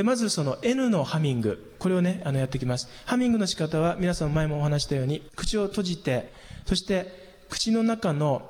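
A man teaching a singing lesson, explaining patiently and calmly, with hummed demonstrations. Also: sits high. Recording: long hall reverb.

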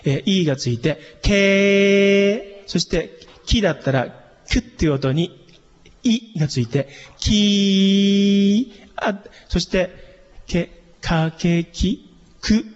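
A man's voice: a little high, animated, moderate pace, darkish tone, breathy edge, long reverb tail, dull audio. A man teaching a voice and diction lesson as a vocal coach for church worship singing. He explains each step patiently and breaks into sung vowel demonstrations.

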